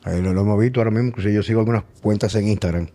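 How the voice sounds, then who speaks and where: A man's voice: on the low side, very fast, dark tone. A man hosting a podcast, talking in a rambling conversational way with many restarts. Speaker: podcast host. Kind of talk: casual conversation.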